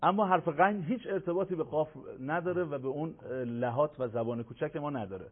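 A man teaching Quran recitation in a patient, explanatory way, slowly repeating letter sounds. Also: fairly high pitch. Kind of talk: broadcast lesson. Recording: tinny phone-like line.

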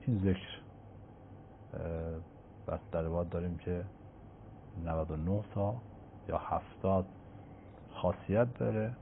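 A man, a cleric, giving a measured religious answer to a caller and quoting scripture in Arabic. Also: low-pitched, creaky, a little hiss or hum. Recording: tinny phone-line sound.

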